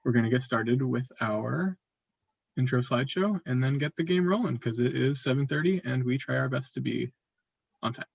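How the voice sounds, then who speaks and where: Gravelly man hosting a video-call game. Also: mid-range voice, normal speed, no echo. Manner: upbeat, filler-heavy hosting. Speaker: host of an online social strategy game. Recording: dull lo-fi call audio.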